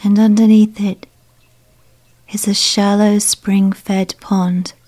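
A woman leads a guided relaxation in a soft, hushed voice that often sinks into a whisper. Her tone is mellow and warm, and she speaks slowly and unhurriedly. Her pitch barely moves, staying level and calm from phrase to phrase. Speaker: meditation guide.

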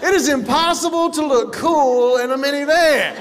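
A middle-aged male stand-up comedian tells animated stories from a live stage, breaking into sudden shouts. His voice sits very high for a man. It rings through a reverberant hall over clear audience noise. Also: moderate pace.

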